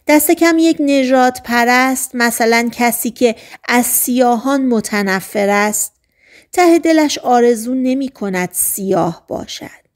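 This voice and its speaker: Soft-spoken woman reading a novel. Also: fairly high pitch. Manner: soft, hushed, often half-whispered delivery. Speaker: audiobook narrator.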